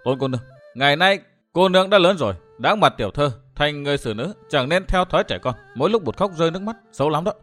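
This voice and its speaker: A man's voice: on the high side, quick pace, faint music behind. A man voicing an easygoing young swordsman. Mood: gentle teasing. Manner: calm, good-humoured, chuckling.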